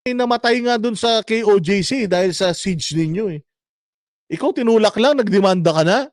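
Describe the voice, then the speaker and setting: A man's voice: sits high, moderate pace, no echo, clean studio sound. A man hosting his own vlog, delivering a sarcastic political commentary rant and swearing often. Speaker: vlogger host.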